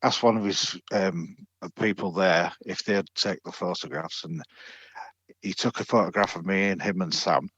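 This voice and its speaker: Deep-voiced middle-aged man telling a story. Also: moderate pace, a bit bright, breathy edge, dry recording, lo-fi sound. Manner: chatty, hesitant with fillers and restarts, laughs often. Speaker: podcast guest. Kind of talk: storytelling in a casual interview.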